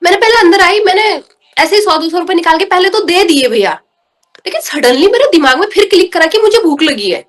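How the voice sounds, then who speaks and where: A woman's voice: very high-pitched, lively intonation, a little fast. A woman guest earnestly recounting a personal devotional experience in an interview, often turning to the host as she tells it. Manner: earnest, emotional storytelling, often addressing the host as brother. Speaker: podcast guest.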